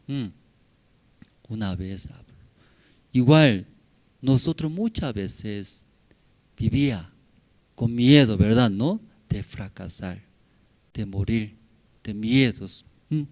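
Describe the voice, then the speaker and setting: Slow-preaching pastor, Spanish. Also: male voice, on the low side, lively intonation, a little mellow. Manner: halting non-native Spanish, tag questions to the congregation. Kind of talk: sermon. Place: church in La Paz.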